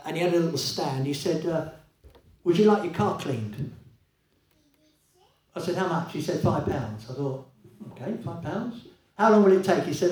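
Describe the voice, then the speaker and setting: A man preaching a sermon in a church, conversational and lively, with many rhetorical questions to the congregation. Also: on the high side. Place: church hall. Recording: echoey hall, voice from a distance.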